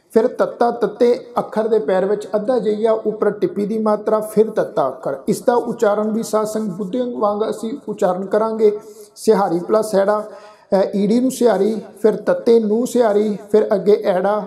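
A man teaching how to pronounce scripture. He patiently spells out each letter and vowel sign, then recites each verse line slowly and drawn out. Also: sits high, mellow. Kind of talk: pronunciation lesson with slow chanted recitation.

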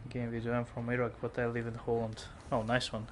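A man's voice: medium pitch, a little fast, background noise. Chatty male streamer with headset. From lives in the United Kingdom. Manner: relaxed, chuckles often, reads and answers chat; yelps and pleads when under attack in game. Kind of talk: live gameplay streaming, chatting with viewers. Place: home room.

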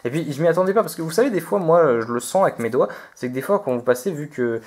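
A man's voice: fairly high pitch, lively intonation, fast, a little mellow, a little hiss or hum. Guy doing a chill card unboxing at his table, talks a lot, restarts his sentences, lists every card. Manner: chatty, reads out each card name, hesitant restarts. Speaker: video host opening trading card packs. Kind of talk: relaxed unboxing commentary.

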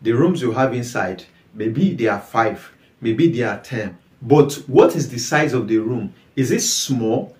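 A man's voice: mid-range voice, expressive, measured pace, a little mellow. Young Nigerian man teaching in an echoey room. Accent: Nigerian English. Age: young adult. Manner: repetitive questions, emphatic, gestures with hands. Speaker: livestock farming teacher. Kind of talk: explaining to camera. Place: small indoor room with bare walls. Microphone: camera at medium distance.

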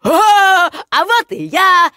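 Cheerful simpleton youth for an audiobook fairy tale, played by a woman; shouty and bouncy, dry close sound. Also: sits high, big pitch swings, slow pace, no room sound, voice pushed up, heavily acted. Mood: gleeful. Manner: boastful, shouting, laughing. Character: silly cheerful young peasant lad.

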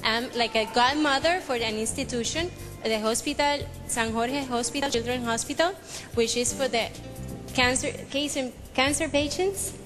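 A young woman with a Puerto Rican accent gives a poised pageant answer. Her voice is fairly high and friendly, with music clearly playing behind it. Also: moderate pace. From Puerto Rico. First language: Spanish. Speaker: beauty pageant contestant.

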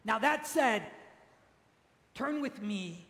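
A man's voice: sits high, lively intonation, takes it slowly, fairly bright tone. A man, a priest, giving a teaching sermon in a large church and having the congregation repeat phrases after him. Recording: echoey church with long reverb.

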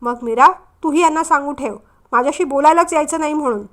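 A woman's voice: high-pitched, quick pace, lightly acted. A woman voicing a stern, protective elder brother who speaks sharply. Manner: sharp, scolding.

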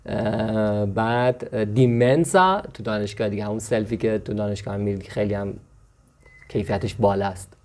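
A man giving a casual language lesson. He slows down carefully on the foreign words, speeds up when he explains them, and keeps checking in with his students. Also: fairly low pitch, darkish tone. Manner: chatty, checks in with "okay?" and "right?". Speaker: language teacher.

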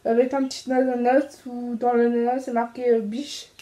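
A young French woman chatting casually about her shopping, with lots of fillers and quick self-corrections. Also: fairly high pitch, monotone, warm tone. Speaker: fashion vlogger. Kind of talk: casual clothing haul.

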